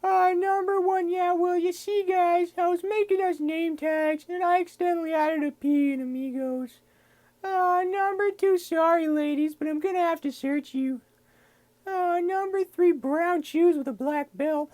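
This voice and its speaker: Carl Wheezer, very high, whiny cartoon boy. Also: steady tone, darkish tone. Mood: hesitant, earnest. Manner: halting, numbered delivery with drawn-out words. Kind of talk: comic impression challenge, short catchphrases.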